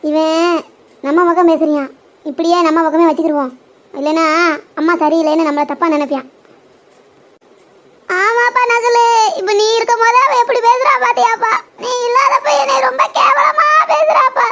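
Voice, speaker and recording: A sharp, piercing older mother-in-law, voiced by a performer, who rattles off complaints at speed. She speaks, scolding everyone around her in a comedy skit. Her voice stays high and shrill throughout. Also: little pitch movement, brisk, long pauses, natural voice. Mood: scheming.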